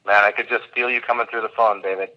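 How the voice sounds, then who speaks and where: A man coaching a guest on a call, talking with lively enthusiasm and vivid imagery. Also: on the low side, fast talker, dull audio. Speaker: host and coach.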